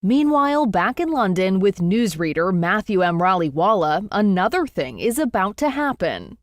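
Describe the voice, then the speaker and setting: A woman delivers scripted narration. Her pitch moves around in a lively way, and the sound is dry with no room echo. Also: normal speed.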